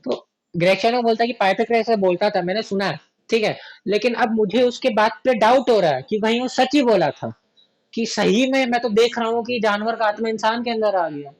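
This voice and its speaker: A male teacher giving a chatty classroom literature lesson who keeps asking students about doubts and reads verse very slowly. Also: sits high.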